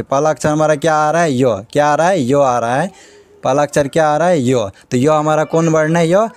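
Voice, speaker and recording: A man's voice: fairly high pitch, a little mellow. A male teacher giving a grammar lesson, asking questions and answering them himself again and again.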